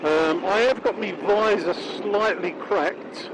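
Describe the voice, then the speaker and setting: Casting: middle-aged Irish male motovlogger, high-pitched, colloquial, rambling delivery, voice inside a helmet with heavy road noise. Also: slow. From County Mayo, Ireland. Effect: muffled inside a motorcycle helmet. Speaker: motorcycle vlogger. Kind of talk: casual riding commentary to viewers. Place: outdoors on a moving motorcycle, inside helmet. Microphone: dictaphone worn while riding. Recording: loud engine and wind noise.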